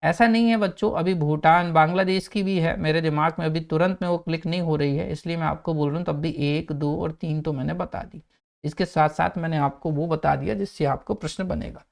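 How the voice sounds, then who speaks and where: Teaching an online exam-prep class, a man coaxes his students along with mnemonic tricks and frequent check-ins, sometimes rattling off facts rapidly in a raised voice. His voice sits a little high, with fairly even intonation and vocal fry.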